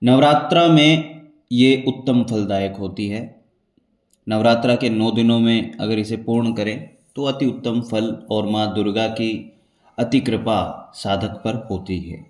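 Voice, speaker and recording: A man calmly explaining the steps of a devotional ritual as a spiritual teacher, measured and repeating key points for emphasis. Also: on the low side. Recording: echoey room.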